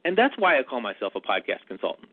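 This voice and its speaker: A man's voice: mid-range voice, huge pitch swings, fast, breathy edge, dry recording. A man who works as a podcast consultant, talking on a live podcast stream over headset audio. He sounds punchy from a long nonstop broadcast and rambles animatedly, repeating words as he restarts. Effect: narrow lo-fi livestream headset audio. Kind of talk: live podcast panel discussion. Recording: tinny, dry livestream line.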